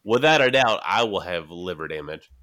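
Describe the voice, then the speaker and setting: A man's voice: low-pitched, animated, normal speed, pushed and bright. A man in his late twenties on a casual podcast, a bit drunk and rambling, laughing often. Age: 20s. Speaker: podcast co-host. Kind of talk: casual chat.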